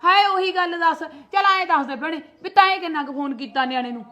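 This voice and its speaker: Playing a protective, sharp-tongued mother in a homemade family skit, a sister-in-law speaks with a Punjabi accent in a slightly high voice. She's animated and fast, arguing, scolding, and defending herself at every turn, and the recording's highs are cut off.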